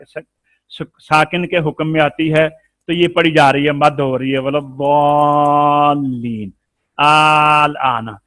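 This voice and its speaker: A man from Pakistan teaching a Quran recitation lesson. He explains the rules slowly, chants Arabic examples, and quizzes his students. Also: fairly high pitch, bright, forceful tone, dry recording. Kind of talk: tajweed lesson.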